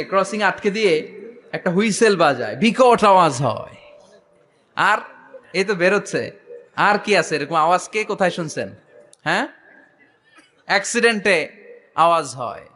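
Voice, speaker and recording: This sermon comes from a man whose voice sits high and sounds sharp. He stirs the gathered crowd with questions they answer in call-and-response, and he chants Quranic verses at a slow pace.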